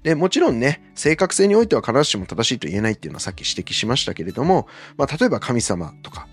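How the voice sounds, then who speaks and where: Fast, animated man explaining history. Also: mid-range voice, breathy edge, soft background music. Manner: lively, explains step by step with many fillers. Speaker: podcast host explaining Bible history. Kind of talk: casual explanatory talk.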